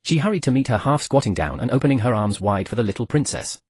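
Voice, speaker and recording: A man narrating a novel as a scripted audiobook, in a fast, animated storytelling manner. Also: mid-range voice, breathy edge, dry recording, clean studio sound.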